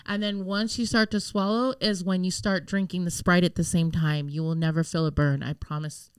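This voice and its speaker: A woman from New Mexico, a bartender guest on a podcast, talking casually in a loud, playful way with a lot of laughter. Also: fairly low pitch, fairly even intonation, normal speed, smooth, no echo. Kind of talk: casual chat.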